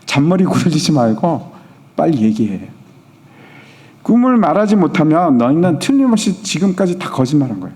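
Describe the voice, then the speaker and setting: A man's voice: a little high, very animated, normal speed, dark tone, in a large hall. Pastor doing a furious barking king. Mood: angry. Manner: blustering, barking orders. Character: furious ancient king, commanding and threatening.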